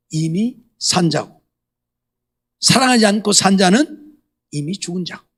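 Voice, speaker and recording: A middle-aged male pastor preaching a sermon, emphatic and scolding, firing off rhetorical questions to the congregation. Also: high-pitched.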